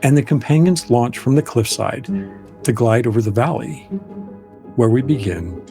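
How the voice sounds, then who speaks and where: A man's voice: mid-range voice, gravelly, warm tone. Man narrating a fantasy game, music beneath. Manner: measured, literary phrasing. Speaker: game master. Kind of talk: dramatic tabletop game narration.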